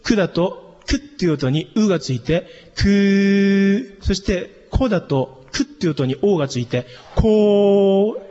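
A man's voice: a little high, lively intonation, moderate pace, few pauses, darkish tone, husky, big-room sound, dull audio. A man teaching a voice and diction lesson as a vocal coach for church worship singing. He explains each step patiently and breaks into sung vowel demonstrations.

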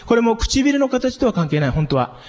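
Sex: man. Pitch: high. Role: worship vocal coach. Style: voice and diction lesson. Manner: patient, sings vowel demonstrations. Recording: long hall reverb. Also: very animated, moderate pace, a little mellow, highs cut off.

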